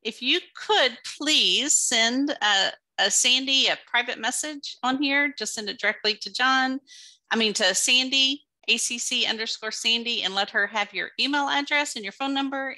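A woman's voice: a little high, sharp tone, poor audio. A middle-aged woman hosting and presenting an online event, speaking on a headset in a video call. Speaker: event host.

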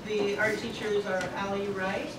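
A woman presenting art awards at a public meeting, reading out names slowly with pauses. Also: mid-range voice, flat delivery. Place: large indoor board meeting room. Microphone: far room camera. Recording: echoey hall, distant camera, room noise.

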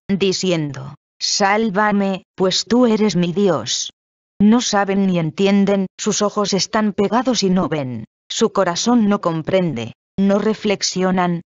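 A reader giving a measured, solemn scripted reading of a Bible passage. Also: mid-range voice, dry recording, dull audio.

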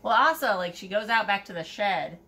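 Bright-voiced, blunt young woman chatting. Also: medium pitch, expressive, brisk. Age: young adult. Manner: blunt, sweary, informal. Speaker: book review co-host. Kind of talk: casual tipsy book chat. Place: room with bookshelves, indoors.

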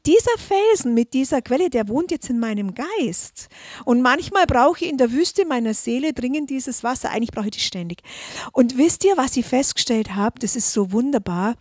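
Woman, high register, fervent preacher swinging from hushed to loud, dry close recording. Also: dry recording. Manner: passionate, swings between hushed and loud exclamations. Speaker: church member giving testimony. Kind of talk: fervent sermon testimony. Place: church service.

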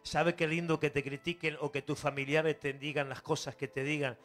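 A man with a Rioplatense accent preaching a sermon to a church congregation, moving between quiet asides and shouted exhortation, joking and coaxing the listeners. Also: a little high, flat delivery, normal speed, soft background music. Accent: Rioplatense Spanish. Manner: jokes and coaxes the congregation. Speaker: pastor.

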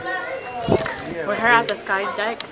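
A woman's voice: on the high side, wildly swooping pitch, slow, gravelly. A young woman filming a casual travel vlog on her phone, chatty and gushing over every view as she walks through busy city spots and rides a boat. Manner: chatty, gushing, easily impressed. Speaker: vlogger. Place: outdoors in a busy city, on a boat and in crowded public spaces. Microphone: handheld phone camera. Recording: noisy phone video in crowds. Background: crowd chatter and loud street and water noise.

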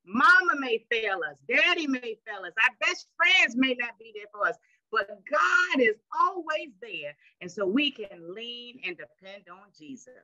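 Bright-voiced woman a sermon. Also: fairly high pitch, expressive, measured pace, no echo, muffled recording. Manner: call-and-response preaching, stretches words for emphasis. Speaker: pastor. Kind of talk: sermon with scripture reading. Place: church sanctuary.

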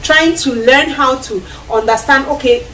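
A woman in her thirties with a Cameroonian accent chats casually to camera while cooking in a small tiled kitchen, her voice sitting high and unhurried. The vlogger is animated, with lots of hand gestures and acted-out quotes. The camera sits a few feet away, so the low-quality audio sounds distant with slight background noise.

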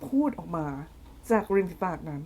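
A woman teaching English in a casual way, slowly explaining a song line by line, playfully flustered and giggly. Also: warm tone, soft background music. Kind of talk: casual song translation lesson.

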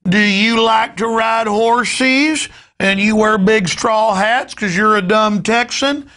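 A man voicing a condescending male visitor from the city in a mocking, drawn-out tone. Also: high voice, sharp tone, pitched above the performer's own voice, heavily acted. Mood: sneering.

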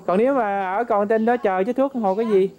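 A woman's voice: medium pitch, fast talker, lo-fi sound. A woman, a visiting relative making polite, chatty conversation with lots of questions. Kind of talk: casual family chat.

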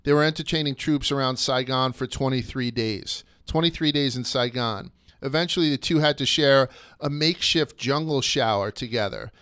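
A man's voice: mid-range voice, normal speed, a bit bright, smooth, no echo, clean studio sound. A man hosting a casual history podcast, chatty and crude, going off on tangents. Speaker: podcast host.

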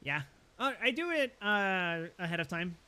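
A young man with a bright, forceful voice pitched a little high trades jokes in a loose chat with friends. He is animated and laughs easily, and he sounds relaxed among people he knows. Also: normal speed, smooth. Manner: animated, laughs often, joking.

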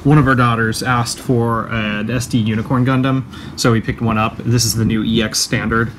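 A man's voice: mid-range voice, moderate pace. Guy doing a chill haul video in an apartment, lots of ums, noisy background hiss. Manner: relaxed, many ums, enthusiastic about collectibles. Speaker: co-host showing a merchandise haul. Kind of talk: casual chat. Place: one-bedroom rented apartment, indoors.

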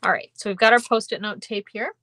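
She talks fast in a slightly high, pushed, bright voice with fairly even intonation, and the recording has no echo. The speaker, a young Minnesotan woman, is teaching a live-streamed card-making class from an indoor craft room. Her chat with viewers rambles and giggles, thick with ums and kindas.

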